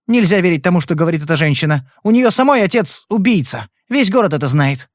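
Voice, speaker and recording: A fierce, protective wife who refuses to back down, voiced by a man reading a detective novel. Her voice sits fairly high and swings widely in pitch as she pushes back. The sound is close and dry. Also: lively intonation, fast, dry recording. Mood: defiant. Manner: insistent, protective. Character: defensive, fierce middle-aged wife.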